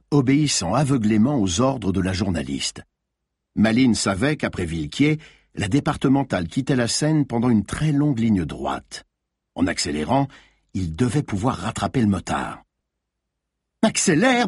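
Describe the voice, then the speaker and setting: A man's voice: fairly low pitch, a little mellow, slightly rough, no room sound, clean studio sound. A man reading a thriller audiobook aloud with tense, dramatic narration.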